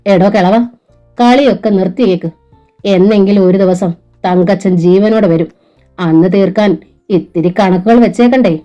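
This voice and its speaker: A woman voices a steady man who leads the auto drivers, calm and firm in how he speaks. Her tone stays mellow and warm, and the track is dull and muffled. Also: mid-range voice, normal speed, long pauses, faint music behind, lightly acted. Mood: threatening.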